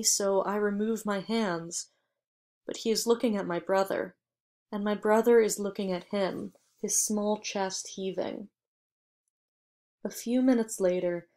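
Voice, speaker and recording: A woman reading a short story aloud in measured, even first-person audiobook narration. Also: medium pitch. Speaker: audiobook reader.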